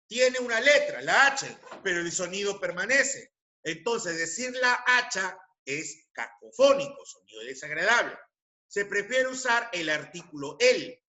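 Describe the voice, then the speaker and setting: A man with a Peruvian Spanish accent giving a grammar lecture, speaking deliberately, repeating key terms and checking that students follow. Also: high voice, pushed and bright. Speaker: teacher.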